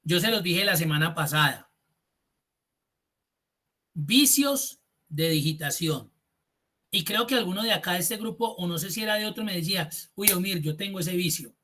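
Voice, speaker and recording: A man's voice: high-pitched, expressive, normal speed, pauses often, sharp tone. A man teaching an online spreadsheet class, explaining step by step and talking directly to his students over a video call. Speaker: Excel instructor.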